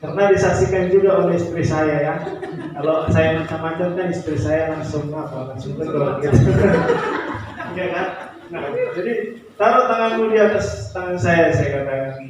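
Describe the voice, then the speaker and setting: A man preaching a sermon to his congregation, telling stories in an animated way and chuckling often. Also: a little high, moderate pace, recorded from a distance, noisy background. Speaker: pastor. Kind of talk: sermon with storytelling. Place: large church hall. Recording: echoey church hall, mic from afar, dull.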